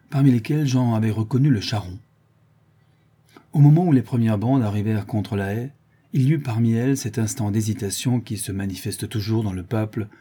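A man reads a classic novel aloud at a steady, measured pace. His voice is low and dark in tone. It has a husky, breathy grain. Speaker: narrator. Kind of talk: audiobook reading of a classic novel.

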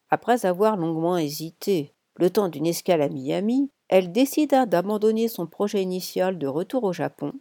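Warm-voiced woman reading an audiobook. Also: lowish voice, no echo, clean studio sound. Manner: measured, deliberate reading with pauses. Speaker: audiobook narrator. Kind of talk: scripted narration.

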